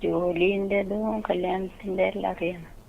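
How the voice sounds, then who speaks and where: Middle-aged lady calling in to a radio show, slow and gravelly, short answers, far-off faint phone line. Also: mid-range voice, steady tone. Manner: slow, terse replies. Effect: faint distant phone line. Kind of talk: phone-in question to an astrologer.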